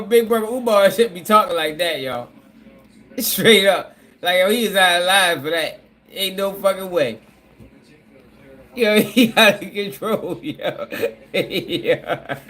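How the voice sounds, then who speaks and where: A man hosting a casual reaction video, excitable and profane, addressing his viewers directly. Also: high voice. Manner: excitable, profane, laughs often, repeats "yo" and "y'all".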